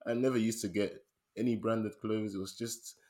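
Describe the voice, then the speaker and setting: A British man co-hosting a film podcast, chatting casually and animatedly, laughing often and dropping to a low murmur. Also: fairly even intonation, moderate pace, warm tone. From United Kingdom. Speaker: podcast co-host. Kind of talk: casual film review chat.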